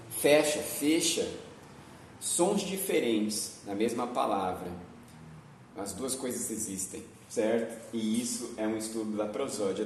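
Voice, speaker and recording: A man with a Brazilian accent giving a video lesson as a Portuguese teacher, explaining patiently and often adding tag questions. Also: medium pitch. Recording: very echoey room, voice from far off, faint noise.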